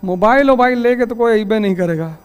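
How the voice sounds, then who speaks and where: A man with a notably high voice speaks to a classroom of exam students. His lecture is folksy and anecdotal, moving between stories and blunt advice. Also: brisk, clean tone. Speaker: civil services exam teacher.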